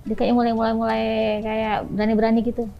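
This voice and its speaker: Woman, confessional, halting, searching for words, high voice. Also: completely flat delivery, gravelly, dull audio. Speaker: guest telling her story. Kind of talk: confessional interview.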